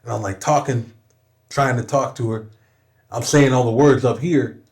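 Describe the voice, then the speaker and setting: A young man from Southern California speaks as a podcast guest, with a voice of middling pitch. He tells a personal story openly, leaning hard on his words and swearing freely. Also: steady tone, normal speed, darkish tone. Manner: emphatic and profane, with frequent "you know what I'm saying".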